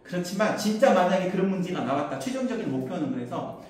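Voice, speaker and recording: A middle-aged man, an academy instructor, giving an info session to parents in a chatty, anecdotal way, pushing his voice higher to carry. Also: big pitch swings, fast. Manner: chatty, anecdotal, raises pitch to project. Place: lecture room. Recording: distant mic, very echoey hall.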